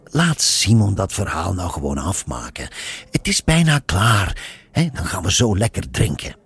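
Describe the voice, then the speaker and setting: A man's voice: medium pitch, huge pitch swings, unhurried, a little mellow, husky, pitched above the performer's own voice, full character voice. A man voicing a tipsy man who speaks soothingly. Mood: coaxing. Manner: unctuous, coaxing.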